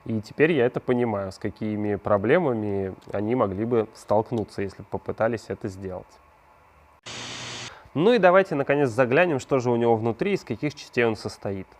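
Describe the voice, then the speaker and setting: A man with a medium-pitched, expressive voice moves at a brisk pace as he narrates a hands-on prop-making tutorial for his craft channel. He walks through the build step by step, keeping it conversational and posing questions to the viewer.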